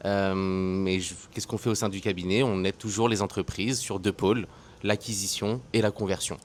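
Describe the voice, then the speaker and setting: A man's voice: sits low, fairly even intonation, moderate pace, a little hiss or hum. A man in his thirties from France, a guest speaking frankly and conversationally with many hesitations. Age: 30s. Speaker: guest, entrepreneur. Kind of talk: casual interview.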